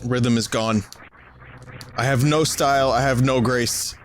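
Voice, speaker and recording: A gaming streamer plays live, muttering self-mocking commentary to himself and occasionally bursting into high-pitched screams, with game music in the background. His intonation is fairly even and his pace measured, with a little hiss or hum.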